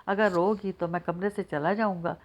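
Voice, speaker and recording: A woman reading the lines of a young husband who scolds his crying wife gently but firmly. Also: fairly low pitch, steady tone, lightly acted.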